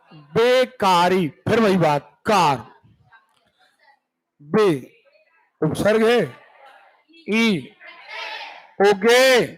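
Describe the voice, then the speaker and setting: Slow, high-voiced male teacher. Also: fairly bright tone, rough recording. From India. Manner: drills word lists, checks understanding with students. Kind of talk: classroom grammar lesson. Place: classroom.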